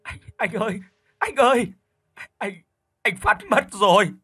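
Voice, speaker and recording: A man voicing a middle-aged wife at a hospital who talks softly and breaks down crying. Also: medium pitch, quick pace, slightly rough, dry recording, studio quality. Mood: sobbing. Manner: soft, drowsy, then sobbing.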